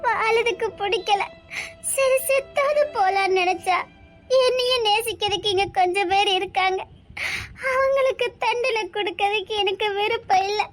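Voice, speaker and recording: A woman's voice: extremely high pitch, moderate pace, soft background music. A young woman with a Tirunelveli Tamil accent, speaking in a tearful, pleading way in a homemade drama.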